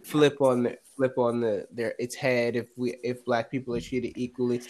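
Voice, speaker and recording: A co-host of a casual podcast, playful and profane, tossing in quick agreements. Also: mid-range voice, level tone, a little mellow.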